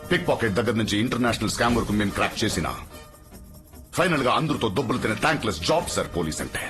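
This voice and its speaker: A man's voice: on the low side, close to an everyday voice. An actor playing a composed police officer who answers his superior politely but firmly. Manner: polite, firm, measured, says sir often.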